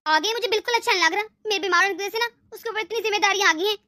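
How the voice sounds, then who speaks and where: A woman voicing a gentle, sickly elderly mother in a cartoon, calmly trying to keep the peace. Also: very high voice, rapid-fire, dry recording, studio quality. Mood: soothing. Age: older. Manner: soothing, calming, pleading for peace. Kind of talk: Hindi cartoon voice acting.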